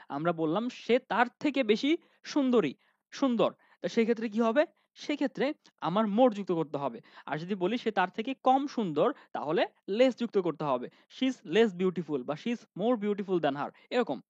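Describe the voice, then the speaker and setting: A man's voice: high voice, very animated, moderate pace, darkish tone, no room sound, highs cut off. A man teaching an online grammar lesson, often asking questions and answering them himself, with many fillers.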